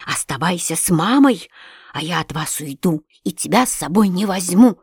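A woman voicing a desperate, unstable father who speaks in a trembling, hushed whisper. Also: lowish voice, animated, normal speed, husky, dry recording, studio quality, exaggerated voice. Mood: frantic whisper.

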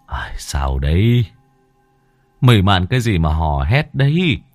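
A man voicing a gruff, irritable middle-aged village husband who scolds in curt sentences. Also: sits low, very animated, measured pace, a little mellow, no echo, soft background music. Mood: irritated.

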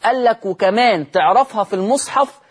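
A man with an Egyptian accent teaching a recitation lesson on television, asking questions and answering them himself and drawing out the example words slowly. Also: high-pitched, breathy edge. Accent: Egyptian Arabic.

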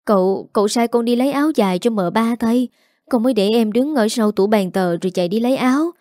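A woman's voice: fairly high pitch, fast, warm tone, dry recording, clean studio sound, close to an everyday voice. A woman voicing a young female servant girl in a storybook, stammering and frantic. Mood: panicked.

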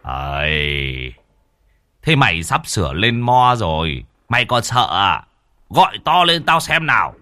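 Man acting out a gruff old shaman, scolding, shouting, storybook figure. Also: on the low side, big pitch swings, unhurried, no echo, studio quality, full character voice.

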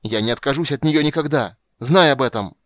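A man voicing a proud, jealous male sorcerer in an audiobook, speaking loudly and bitterly, his voice straining with anger. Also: fairly low pitch, moderate pace, no room sound, studio quality, lightly acted. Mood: shouting. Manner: loud, shouting, voice cracking with anger. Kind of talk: audiobook character voice.

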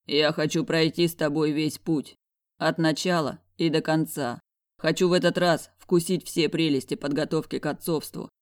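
Reader playing a huge bearded man, loud, hoarse, playful, raised pitch, dry close sound. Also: fairly even intonation, normal speed, no room sound, close to an everyday voice. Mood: earnest.

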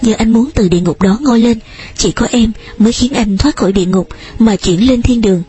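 A woman's voice: fairly high pitch, a little fast, dark tone, faint music behind, close to an everyday voice. A woman voicing a passionate young man who pleads urgently with the woman he lost. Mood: pleading.

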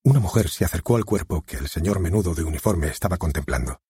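A man narrating an audiobook in a measured storytelling manner. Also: low-pitched, expressive, dark tone, husky, no room sound, clean studio sound.

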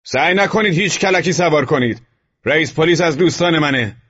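A man voicing a loud, brash, bullying male neighbor who shouts and mocks, in an audiobook reading. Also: fairly high pitch, breathy edge, lo-fi sound, voice pushed up. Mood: furious shouting. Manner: shouting, mocking, overbearing.

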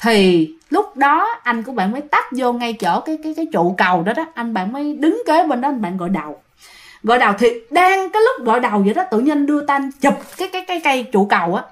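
A woman's voice: a little high, sing-song, quick pace. A woman with a Southern Vietnamese accent telling a ghost story in a chatty way, speaking to her listeners directly and repeating herself often. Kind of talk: casual spoken ghost story.

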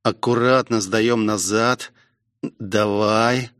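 A man voicing a strict, composed man who gives calm commands. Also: fairly low pitch, slow, smooth, dry recording, clean studio sound. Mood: stern. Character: stern composed man, steadying a panicked driver.

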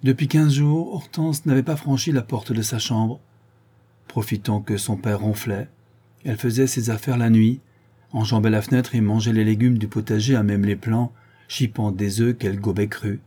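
Male audiobook narrator, low, husky and dark. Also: fairly even intonation, moderate pace. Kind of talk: scripted narration.

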